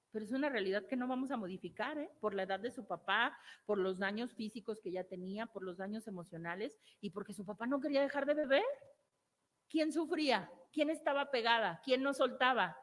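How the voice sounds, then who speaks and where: A woman's voice: a little high, fairly quick. A woman therapist with a Mexican accent giving an emphatic motivational talk, repeating key phrases and asking rhetorical questions. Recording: long hall reverb.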